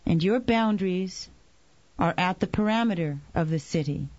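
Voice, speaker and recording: A woman leading a guided meditation, giving slow, calm instructions. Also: lowish voice, no room sound, highs cut off.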